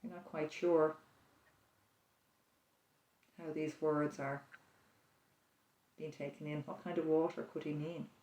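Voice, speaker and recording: A prayer leader with a mid-range voice leads a guided visualization of a calm, imagined scene. The delivery is flat, soft and unhurried, broken by thoughtful pauses. A far-off microphone picks it up in a heavily echoing room.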